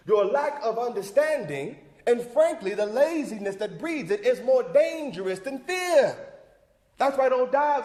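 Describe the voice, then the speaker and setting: Playing John Wesley Dobbs, an older civic leader firing up a church crowd, a male actor gives a theatrical oratorical monologue in a chiding mood. His very high, slightly mellow voice is preacherly, emphatic and folksy, with a rousing cadence, and it rings out in an echoey hall with long reverb.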